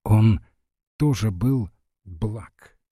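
A man voicing an aging, pious army general who confides his fears in a hushed, halting way. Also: on the low side, husky, no echo, studio quality, heavily acted. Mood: confessional. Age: older.

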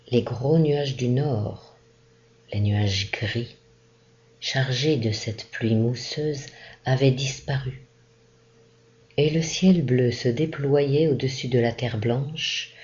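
A woman reading a classic short story aloud in a slow, measured, expressive narration. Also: a bass voice, dull audio. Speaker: reader. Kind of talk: literary audiobook narration.

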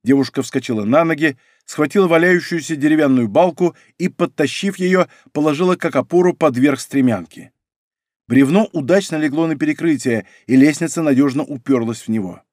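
Male narrator for a thriller audiobook, slightly high voice, steady delivery. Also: fairly quick, no echo, clean studio sound.

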